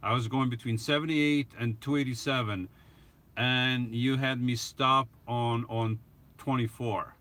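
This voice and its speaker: The voice is medium-pitched, steady, unhurried, and fairly bright. It belongs to a middle-aged, foreign-accented YouTube host answering live chat in a casual, rambling way, often breaking off and starting again with a small laugh.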